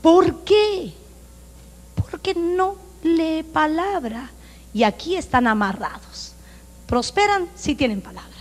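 A high-voiced Honduran woman pastor preaches with force, her lines rising and falling as she drives each point home. Her voice rings through the long reverb of a church hall. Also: lively intonation, slow. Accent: Honduran Spanish. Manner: emphatic, preaching loudly with acted-out quotes. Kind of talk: sermon. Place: church sanctuary.

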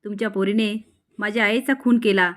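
A woman's voice: mid-range voice, fairly even intonation, a little fast, fairly bright tone, natural voice. A woman voicing an angry middle-aged woman who shrilly accuses her family. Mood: angry accusing.

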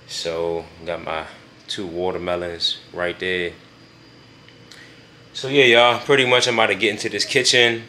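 A man's voice: low-pitched, little pitch movement, measured pace, pauses often, pushed and bright, slight background noise. A young man vlogging casually from his home kitchen, talking straight to his viewers in a laid-back way. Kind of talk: casual vlog talk to camera.

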